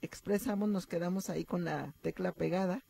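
A woman psychologist, calmly explaining emotions as a radio guest. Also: fairly low pitch, moderate pace, creaky, slightly rough, no echo. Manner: explanatory, calm, uses fillers like "este". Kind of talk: advice talk on radio.

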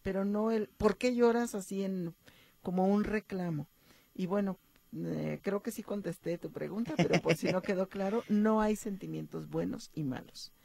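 A woman psychologist, calmly explaining emotions as a radio guest. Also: lowish voice, normal speed, creaky. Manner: explanatory, calm, uses fillers like "este". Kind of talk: advice talk on radio.

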